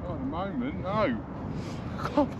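A man's voice: fairly high pitch, animated, a little slow, highs cut off. Hiking buddy heard from off-mic outdoors, noisy open air, easygoing guy. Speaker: hiking companion. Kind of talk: casual chat. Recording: off-mic, distant, with clear outdoor noise.

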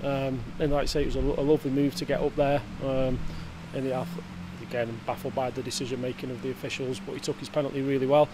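A man's voice: medium pitch, little pitch movement, fast, hardly any pauses, noisy background. A man, a football manager giving a post-match interview in a hesitant way, full of fillers and restarts, recorded close up indoors. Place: indoor press area before a sponsor board.

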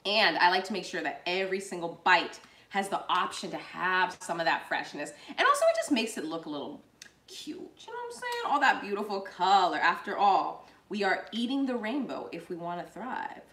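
In her home kitchen, a young woman hosts a live cooking show, chatting bubbly with viewers while she puts a dish together. Her mid-range voice is sing-song, bright and forceful at normal speed. A fixed camera at counter distance picks her up in the echoey room.

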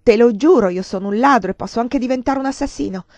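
A woman voicing a desperate, furious man, a ruined lover turned thief, shouting bitter accusations. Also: a little high, quick pace, no echo, voice pushed up, close to an everyday voice. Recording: dull lo-fi dry recording.

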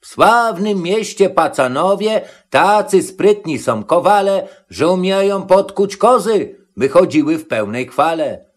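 Expressive man reading rhymed verse. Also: high-pitched, measured pace, hardly any pauses. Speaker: narrator.

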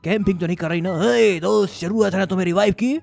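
A man from India, giving loud, excitable gameplay commentary full of teasing banter and sudden shouts. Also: high-pitched, quick pace, creaky, faint music behind. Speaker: gaming YouTuber.

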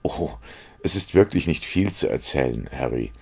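A man's voice: extremely low pitch, animated, moderate pace, vocal fry, a little mellow, slightly rough, full character voice. A man reading aloud as an earnest, secretive young painter who confides and pleads. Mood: earnest, confiding.

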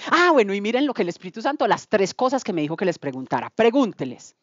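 Colombian woman, testimony speaker, animated storyteller, dull dry recording. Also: medium pitch, fast talker, no echo. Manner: lively storyteller acting out dialogue. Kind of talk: spoken testimony to a church group.

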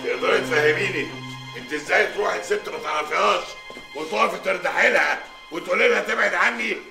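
Explosive Egyptian dad, gravelly and fast, echoey room with music. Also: male voice, sits high, far from the mic. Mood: furious. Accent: Egyptian Arabic. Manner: shouting, explosive. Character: stern hot-tempered middle-aged father. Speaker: angry father and husband. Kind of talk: Egyptian TV drama acting.

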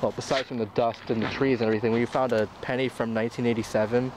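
A man's voice: mid-range voice, flat delivery, fast talker. Rambling young man filming outdoors. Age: young adult. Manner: rambling, chatty, laughs often. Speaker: vlogger. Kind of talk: casual exploring vlog. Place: outdoors on an abandoned tennis court. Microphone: handheld camera mic. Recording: outdoor camera audio with background noise.

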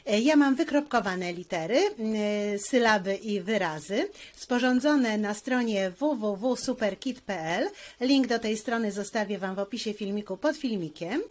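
A woman's voice: mid-range voice, animated, moderate pace. A woman teacher giving a handwriting lesson, explaining each stroke patiently, step by step.

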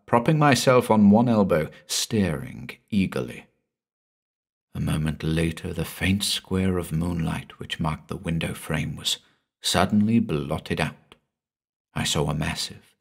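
A man reading a first-person horror story aloud in a slow, measured, brooding way. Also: sits low, gravelly. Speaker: audiobook narrator. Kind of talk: scripted horror story narration.

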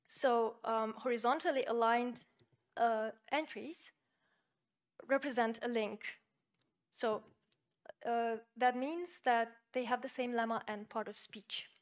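Walking through a software demo, a woman who speaks Slovenian natively gives an academic talk at a conference. She explains in a measured way, fills pauses often, and her voice is a little high.

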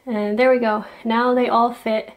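Filming herself with a handheld camera at arm's length in her kitchen, a woman in her thirties chats loosely through a home cleaning and cooking vlog, leaning heavily on fillers. She speaks on the high side, with little pitch movement and a slightly slow pace, in an echoey room over loud music.

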